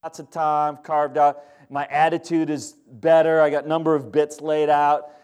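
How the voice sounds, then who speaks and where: A man preaching a sermon as pastor, telling a story with acted-out quotes in an animated way. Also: fairly high pitch, moderate pace, clean tone.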